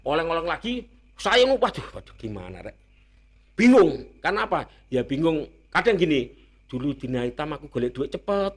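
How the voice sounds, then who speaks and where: A man with an East Javanese accent telling his own story as an interview guest, blunt and rough-spoken, earnest and repeating that he is being honest. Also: fairly high pitch, sing-song, moderate pace. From Indonesia. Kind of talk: candid personal storytelling.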